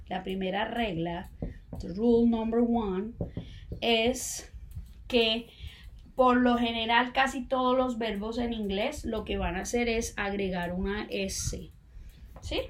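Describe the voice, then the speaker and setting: Woman, English teacher, patient and slow, mid-pitched voice, faint background noise. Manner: patient, checks in with ¿sí? and ¿ok?, spells out English examples slowly. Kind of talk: slow explanatory lesson.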